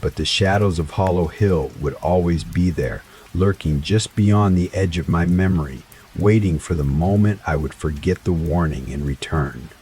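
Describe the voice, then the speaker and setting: A man narrating a first-person horror story in a slow, dramatic scripted style. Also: low-pitched, mellow, a little hiss or hum. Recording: faint rain sounds behind voice. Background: rain ambience.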